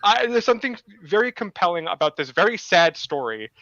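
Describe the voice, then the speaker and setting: A man's voice: high voice, big pitch swings, brisk, sharp tone, no room sound, lo-fi sound. A man co-hosting a casual comics podcast, rambling with lots of fillers. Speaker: podcast co-host. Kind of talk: casual chat about comics.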